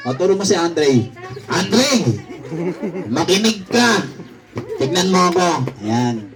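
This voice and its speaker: A man's voice: high-pitched, expressive, measured pace, recorded from a distance. A man hosting a party game, teasing and chatty, often laughing and counting down to the crowd. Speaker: party emcee.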